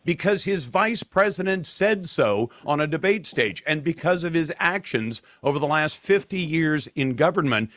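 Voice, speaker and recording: A man's voice: on the high side, lively intonation, normal speed, few pauses, a bit bright, dry recording. Emphatic male talk radio host. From Taiwan. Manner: emphatic, argumentative. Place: radio studio. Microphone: studio microphone.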